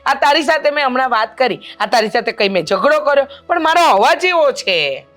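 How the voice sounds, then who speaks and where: A woman playing a pushy middle-aged mother-in-law who wants a grandson, talking loudly and insistently in a family drama. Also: high voice, big pitch swings, fairly quick, soft background music. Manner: loud, insistent, scolding. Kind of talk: amateur family drama acting.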